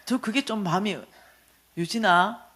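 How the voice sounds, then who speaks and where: Middle-aged woman preacher, Gyeongsang accent, lively storyteller with a higher voice that leaps around. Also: moderate pace. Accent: Gyeongsang Korean. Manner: animated, acts out dialogue. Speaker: church lecturer. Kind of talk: storytelling sermon lecture.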